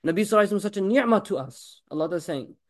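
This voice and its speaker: A man's voice: high-pitched, expressive. A man giving a religious talk as a teacher, preaching emphatically with frequent rhetorical questions to the audience and repeated blessings. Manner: rapid, emphatic preaching with blessings on the Prophet woven in.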